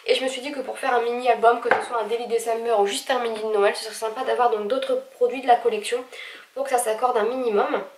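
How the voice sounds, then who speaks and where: A woman's voice: on the high side, fairly even intonation, fast, echoey room, far from the mic, slight background noise. A woman with a stuffy, nasal voice, chatting casually about her recent purchases with frequent hesitations. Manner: chatty, many hesitations, gushing. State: stuffy nose, speaking with effort. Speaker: vlogger. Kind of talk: casual haul video.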